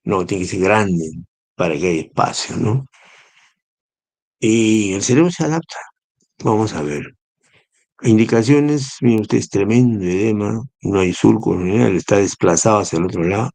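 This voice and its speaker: A man's voice: on the low side, expressive, normal speed, a little mellow, no room sound. A man giving a recorded neurosurgery lecture, explaining step by step and often checking in with his students. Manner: explanatory, spells out acronyms, asks rhetorical "¿no?".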